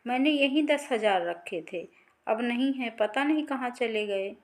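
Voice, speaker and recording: Woman reading as strict scolding mother in law, high-ish voice, family story. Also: lively intonation, measured pace.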